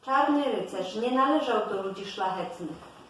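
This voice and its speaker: Slow woman reading a fairy tale aloud. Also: medium pitch, lively intonation, a bit bright, far from the mic. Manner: slow, deliberate storytelling delivery. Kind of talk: storybook narration read aloud. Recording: very echoey room, voice from afar, faint hiss.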